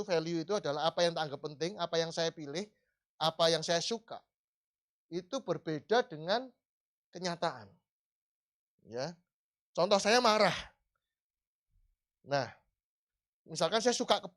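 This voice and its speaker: A man preaching a sermon in a church hall, conversational and lively, rising in emphasis. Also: fairly high pitch.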